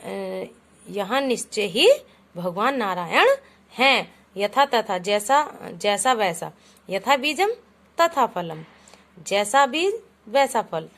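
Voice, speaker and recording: This is an animated, slightly bright mid-range female voice that takes a slow pace and pauses often. She is giving children a Sanskrit class in Hindi, patiently reading each example aloud and translating it while calling the students "beta."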